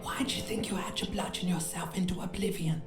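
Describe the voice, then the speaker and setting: A woman's voice: lowish voice, steady tone, fast, lightly acted. A woman voicing a cruel, mocking inner voice of raw feeling in scripted game narration, in a hissing, taunting whisper. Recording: echoey game audio over music.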